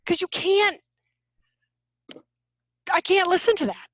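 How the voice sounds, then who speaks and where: A woman giving a casual, animated teaching workshop over a video call from home, with quick asides. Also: very high voice, dry recording. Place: room at home.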